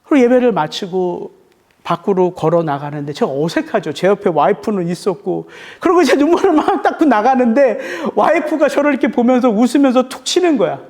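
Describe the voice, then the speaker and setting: A middle-aged man preaching a sermon as pastor, emotional and earnest, slowing down on key words. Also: high-pitched, animated, darkish tone.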